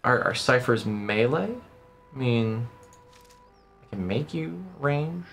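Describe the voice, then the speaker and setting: A man's voice: medium pitch, expressive, slow pace, a bit bright. A man streaming a video game, switching between casual commentary and reading the game's text aloud. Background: game music.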